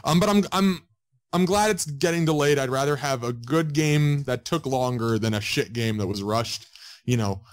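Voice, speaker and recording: A young man co-hosting a casual gaming podcast over a headset. He jokes a lot and restarts his sentences in rushed bursts. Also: medium pitch. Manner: joking, talks in rushed restarts. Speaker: podcast co-host. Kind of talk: casual chat.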